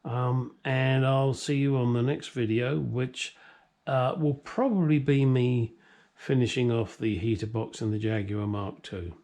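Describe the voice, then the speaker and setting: He's a middle-aged Brit running a classic car vlog from his home workshop, speaking a little slowly in a steady, darkish mid-range voice. His casual talk to camera wanders, with blunt humor and plenty of self-deprecation.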